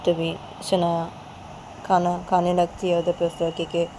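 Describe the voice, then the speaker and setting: A woman's voice: lowish voice, completely flat delivery, measured pace, background noise. A woman narrating a romance story in a casual, repetitive retelling style.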